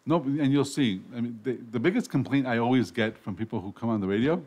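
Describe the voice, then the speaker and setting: In a radio studio, a man hosts a casual interview show, rambling along with frequent restarts and self-corrections. He talks fast in a mid-range voice that is a little mellow.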